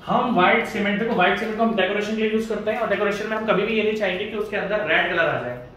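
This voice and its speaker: A man's voice: high-pitched, racing, a bit bright. A man teaching a casual exam-prep lecture, chatty, asking and answering his own questions. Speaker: engineering exam tutor. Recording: echoey room from far off, faint hiss.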